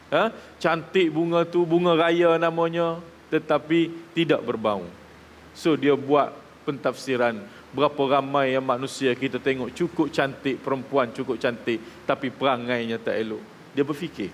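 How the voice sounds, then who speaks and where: A man with a Malaysian Malay accent gives a sermon to a live audience. His voice sits fairly high and he keeps checking in with his listeners. A long reverb from the hall hangs on his words. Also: a little hiss or hum. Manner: addresses the audience directly, asks checking questions; acts out quoted people in his stories. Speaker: preacher. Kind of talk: religious talk to a live audience. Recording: reverberant hall with faint ambience.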